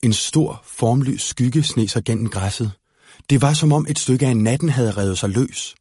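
Man narrating a children's storybook, husky, dry close mic. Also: medium pitch, a little mellow, dry recording. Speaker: audiobook narrator.

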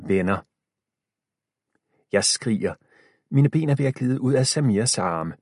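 A man narrating a children's story in the first person, expressive and shifting pace with the tension. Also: medium pitch, husky, no room sound, clean studio sound. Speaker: audiobook narrator.

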